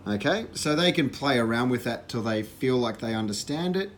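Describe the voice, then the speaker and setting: A man walking through an educational software system, explaining it in a relaxed way with fillers. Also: medium pitch, moderate pace, noisy background. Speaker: presenter demonstrating software. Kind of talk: casual walkthrough.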